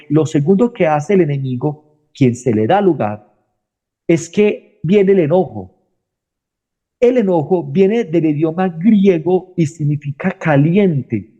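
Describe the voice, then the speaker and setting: A man's voice: fairly high pitch, dark tone, lo-fi sound. A male pastor giving a sermon, speaking straight to his listeners and repeating his key phrases.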